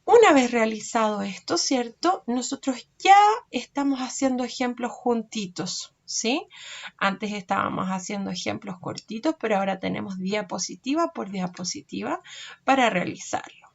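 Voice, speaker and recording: A woman, teaching a recorded lesson to young children, slow and patient, stretching out words and checking in often. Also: a little high, expressive, creaky. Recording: dull lo-fi recording.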